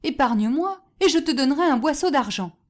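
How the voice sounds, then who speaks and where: A terrified church sexton, played by a woman reading aloud, yelping in shrill, panicked cries. His voice leaps very high and loud. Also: animated, a little fast. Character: terrified male church sexton trapped in a chest.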